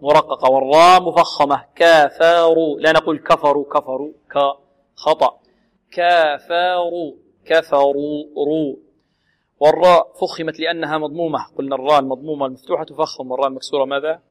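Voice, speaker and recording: A man teaching the rules of Quran recitation, slowly sounding out letters and syllables, then asking his own questions and answering them. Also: a little high, steady tone, long reverb tail. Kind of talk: tajweed lesson with demonstrations.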